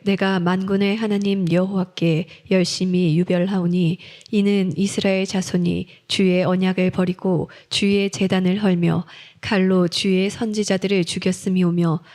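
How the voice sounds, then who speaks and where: A woman reading scripture aloud in an even, measured way. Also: fairly low pitch. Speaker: scripture reader.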